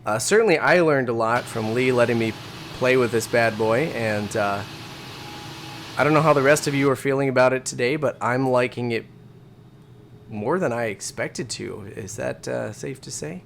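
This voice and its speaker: A man co-hosting a flight simulator review in casual chat, talking quickly and often trailing off mid-sentence. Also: medium pitch, creaky, fairly bright tone, a little hiss or hum. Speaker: flight sim video co-host.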